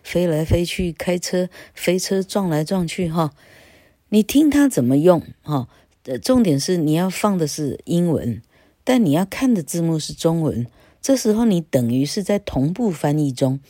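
A woman gives a casual English lesson, chatty and wandering off topic, tagging phrases with "ha" and spelling words out slowly. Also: lowish voice, very animated, mellow, dry recording, clean studio sound. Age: 60s. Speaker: English teacher.

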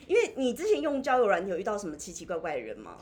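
A young woman hosting a podcast in casual chat, asking curious questions and laughing loudly. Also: mid-range voice, wildly swooping pitch, rapid-fire. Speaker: podcast host.

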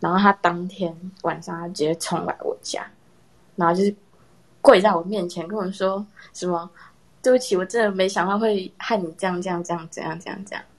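A young woman casually telling a personal story in a chat with friends, animated and laughing often. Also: fairly low pitch, fairly quick. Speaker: storyteller in a horror story contest.

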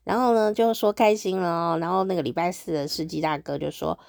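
A woman's voice: fairly low pitch, fairly quick, gravelly, darkish tone, dry recording, studio quality. A woman with a Taiwanese Mandarin accent, hosting her own show and telling everyday stories in a chatty, upbeat way. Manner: chatty and upbeat, easily amused. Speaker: podcast host. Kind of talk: casual storytelling monologue.

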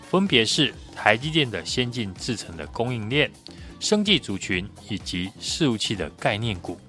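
A man's voice: fairly low pitch, fairly bright tone. A man with a Taiwanese Mandarin accent giving prepared stock market commentary as an analyst, explaining point by point.

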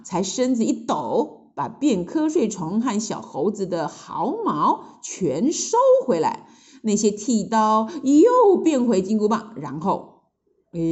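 A woman storyteller narrating a children's classic tale with lively exclamations. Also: mid-range voice. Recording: muffled lo-fi recording.

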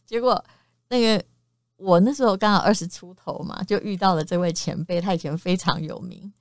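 A woman's voice: fairly low pitch, no echo. Woman, middle-aged, podcast host, candid casual chat, dry close sound. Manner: candid, chatty, sprinkles sentences with drawn-out particles.

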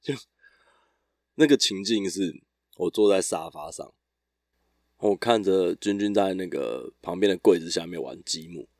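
A man, chatting alone on his podcast in a loose, meandering storytelling style. His voice sits very low and is recorded dry and close, with no room sound around it. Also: measured pace, long pauses, no echo. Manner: relaxed, rambling storytelling with restarts. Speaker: podcast host. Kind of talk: casual solo podcast chat.

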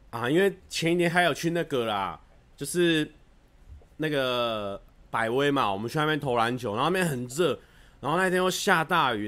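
A man chats casually with his livestream viewers. His pitch sits in a middle range. He tells stories in a lively, joking way and acts out the scenes as he goes. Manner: animated storytelling, acting out scenes; playful, self-mocking humor. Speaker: livestream host. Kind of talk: casual chat with live viewers.

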